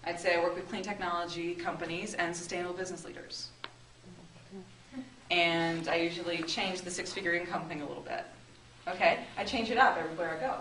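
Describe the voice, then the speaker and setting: A woman's voice: on the low side, steady tone, brisk, a bit bright. Chatty woman leading a workshop in an echoey room. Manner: chatty, upbeat, asks the room questions. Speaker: marketing workshop presenter. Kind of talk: interactive workshop talk. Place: meeting room with an audience. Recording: echoey room, distant mic, noisy.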